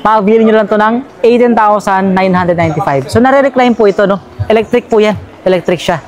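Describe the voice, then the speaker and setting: A woman's voice: medium pitch, a little fast, a little mellow. A woman with a Filipino accent giving a casual walkthrough vlog of a store sale, chatty and upbeat, reading out prices with lots of fillers and tag questions. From Philippines. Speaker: vlogger touring a store sale. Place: large indoor furniture store sale.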